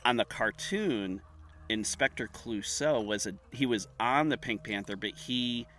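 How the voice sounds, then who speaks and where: Bright-voiced man, hesitant and chatty. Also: medium pitch, normal speed, faint music behind. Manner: hesitant, second-guessing himself. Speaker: podcast co-host. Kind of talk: casual chat.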